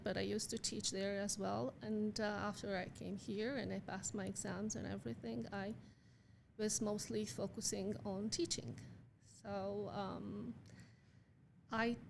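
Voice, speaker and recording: A woman's voice: mid-range voice, creaky, a little hiss or hum. A middle-aged woman from Romania with a Romanian accent, a guest on a podcast interview, talking thoughtfully with frequent ums and uhs. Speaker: guest instructor.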